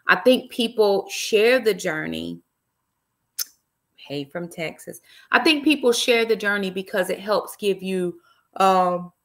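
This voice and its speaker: A woman's voice: medium pitch, gravelly, a bit bright. A middle-aged woman hosting a casual live stream from a small room, chatting on her laptop webcam and dropping y'all and praise interjections. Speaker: author and live-stream host. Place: small room indoors, seated in an armchair.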